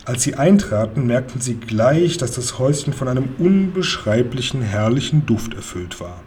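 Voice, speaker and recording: A man reads a children's storybook aloud, bringing lively expression to the narration. His tone is warm and mellow, pitched in an ordinary middle range. Faint hiss sits under the recording. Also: normal speed. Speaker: audiobook narrator.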